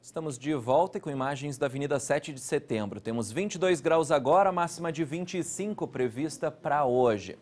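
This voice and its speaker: Male anchor, studio news presenting, brisk conversational delivery, soft music underneath. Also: a little high, animated.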